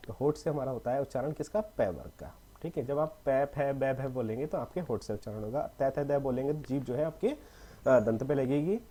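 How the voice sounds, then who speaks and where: A man's voice: medium pitch, lively intonation, normal speed, warm tone. A young man teaching a casual lesson, often checking in with "okay" and slipping in English words. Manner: repetitive, mixes in English words, frequent "theek hai".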